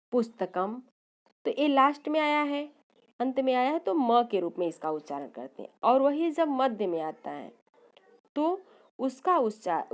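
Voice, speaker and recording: A woman teaching a grammar lesson, sounding out letters one by one and explaining each step, now and then correcting herself. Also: a little high. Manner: corrects herself mid-sentence. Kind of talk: slide-based grammar lesson.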